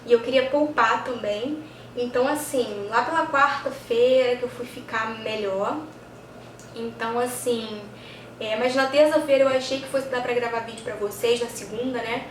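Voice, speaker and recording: A woman's voice: on the high side, steady tone, moderate pace. A woman with a Brazilian accent chatting casually as a vlogger, explaining things conversationally and often checking in with her listeners. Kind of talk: casual chat to camera. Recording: echoey, distant mic, clear background noise.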